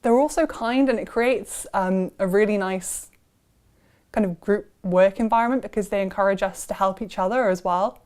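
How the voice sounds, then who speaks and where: A woman's voice: medium pitch, normal speed, darkish tone, clear, resonant tone. A young woman, a university student speaking thoughtfully and earnestly in an interview. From South Wales. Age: young adult. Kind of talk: casual interview testimony.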